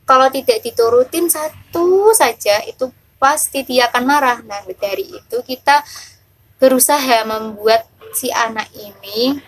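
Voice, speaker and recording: A woman's voice: high voice, poor audio. Hesitant young woman teacher. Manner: hesitant, with frequent fillers and pauses. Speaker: kindergarten teacher. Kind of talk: casual talk on a child's behaviour.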